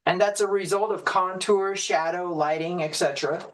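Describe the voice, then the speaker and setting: A woman teaching a sermon at a ministry service, deliberate, repeating key phrases and checking in with her listeners. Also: on the low side, steady tone, low-quality recording. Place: church service.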